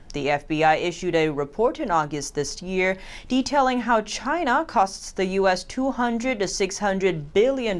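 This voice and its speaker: A woman anchoring a news show, reading scripted reports. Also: mid-range voice.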